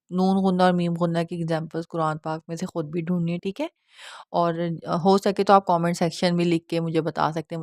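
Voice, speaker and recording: A woman teacher explains recitation rules patiently and checks often that her listeners understand. Her voice sits a little low. The recording is close and dry, with no room sound. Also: a little mellow, no room sound. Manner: patient, explains step by step, often asks "theek hai?"; demonstrates nasal sounds slowly. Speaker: Quran tajweed teacher. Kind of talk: online lesson.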